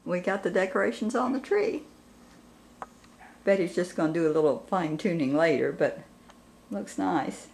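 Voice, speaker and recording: A woman's voice: on the low side, animated, normal speed, gravelly, pauses often, darkish tone, slight background noise. A woman vlogger chatting casually while filming a tour of a friend's house. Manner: chatty, encouraging, narrates the tour. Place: inside a house.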